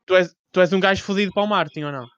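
A man's voice: high voice, very fast, a bit bright, clear, resonant tone, dry recording, lo-fi sound. A young man with a European Portuguese accent chatting casually as an interviewer, informal and full of slang and swearing. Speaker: podcast host interviewing a rapper.

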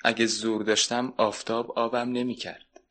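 Casting: man as a shrugging storybook chunk of ice, husky and bright, old radio play. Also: medium pitch, level tone, natural voice. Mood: dismissive. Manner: quick, dismissive. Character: wry little male piece of ice.

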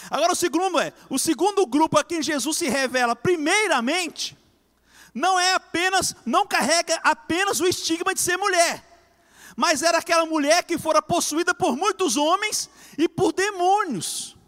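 Preacher dude, high voice, fired up sermon, long echoey hall. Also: male voice, normal speed. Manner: fervent, swings between loud and hushed.

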